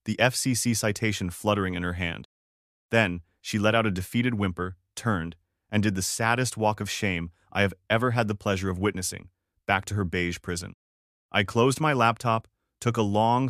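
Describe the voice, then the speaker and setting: A man with a low voice narrates a first-person story at a measured, even pace. The recording is very dry and close, with no room sound at all. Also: no echo.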